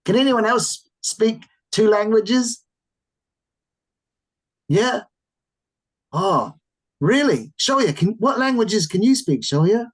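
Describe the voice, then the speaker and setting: A teacher leads a children's class over a video call. The voice is slightly husky and full of wide pitch swings. It gives big, exclaimed reactions to every answer. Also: slow, long pauses, poor audio. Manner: animated, encouraging, exclaiming with surprise. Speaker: English teacher.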